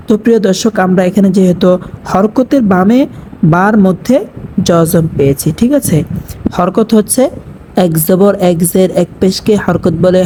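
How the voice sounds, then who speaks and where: A woman teaching Quran recitation rules to viewers. She spells out each letter and vowel mark, then recites the word slowly, stretching its sounds, and explains the rules in between. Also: mid-range voice, dark tone, slight background noise, poor audio. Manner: addresses viewers directly and checks understanding. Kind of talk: tajweed lesson with spelled-out recitation.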